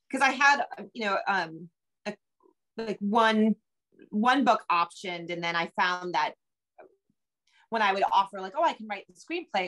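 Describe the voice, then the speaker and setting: A middle-aged American woman, a novelist and screenwriter, chats casually as an interview guest over a video call from a home room lined with bookshelves. Her voice is fairly high and a bit bright, and she rambles with self-deprecating humor.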